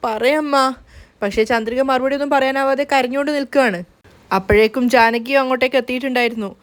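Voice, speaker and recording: Fast-talking woman recapping a soap episode. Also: sits high, fairly even intonation. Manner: rapid, colloquial, tumbling storytelling with restarts. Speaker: serial recap narrator. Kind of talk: casual retelling of a TV serial episode.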